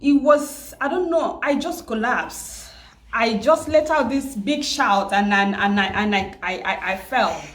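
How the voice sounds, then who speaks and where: A grieving woman with a Nigerian accent, from Nigeria, telling a personal story at home in a halting, tearful way, repeating words and restarting often. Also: fairly high pitch, a bit bright. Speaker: vlogger. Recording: roomy echo.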